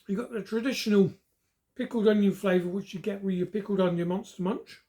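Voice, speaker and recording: A woman's voice: medium pitch, a little fast, warm tone. A woman giving a casual, chatty food review, repeating words for emphasis. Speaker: snack reviewer.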